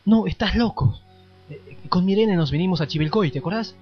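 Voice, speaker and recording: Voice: mid-range voice, brisk, breathy edge, close to an everyday voice. An anxious young male clerk, begging and melodramatic, as an amateur actor plays him. His mid-range voice comes through a dull, lo-fi recording with faint music behind it. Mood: pleading. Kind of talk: amateur parody drama.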